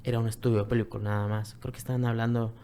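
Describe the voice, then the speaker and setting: A man from Mexico with a Mexican accent, telling a personal story as a guest in an earnest, repetitive way that often drops to a soft near-whisper. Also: mid-range voice, little pitch movement, fast, slight background noise. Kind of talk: personal testimony, conversational storytelling.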